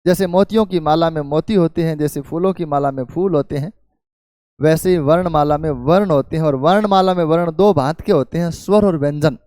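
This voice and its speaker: A middle-aged male teacher gives a patient lecture, posing questions and then answering them himself. His voice sits high, and the recording is dry and close with no room sound. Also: a little fast, mellow, no echo. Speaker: Hindi teacher. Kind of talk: explanatory lecture.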